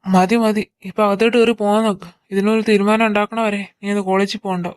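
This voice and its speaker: A woman's voice: medium pitch, level tone, fast, dry recording, close to an everyday voice. A woman with a Malayali accent voicing a short-tempered, protective older brother who scolds and threatens his little sister in a fan audio drama. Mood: scolding. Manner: gruff scolding, threatening, mock teasing.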